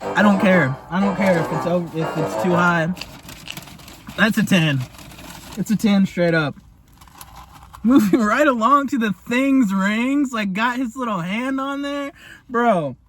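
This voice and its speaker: Young male food vlogger, high-pitched, excitable and slangy, chatting between bites. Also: measured pace, long pauses, slight background noise. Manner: talks while eating. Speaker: food reviewer. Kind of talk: casual taste-test vlog.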